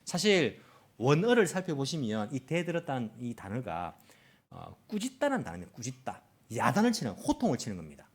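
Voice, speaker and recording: A man's voice: fairly quick, slightly rough. A male pastor giving a Sunday sermon in a church, often asking the congregation questions and acting out quoted lines. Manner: animated, acts out quoted lines with rising pitch; asks the congregation frequent questions. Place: church in Tokyo.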